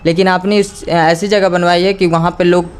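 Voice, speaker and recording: A man's voice: sits high, flat delivery, normal speed, clear, resonant tone. A man interviewing a guest as a reporter, pressing her with probing questions. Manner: probing questions, constant "hmm" acknowledgements. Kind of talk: street interview.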